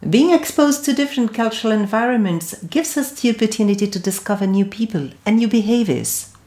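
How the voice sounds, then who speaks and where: Woman, podcast host, measured formal delivery, echoey room. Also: on the high side, lively intonation, mellow. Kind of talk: scripted intro and interview questions.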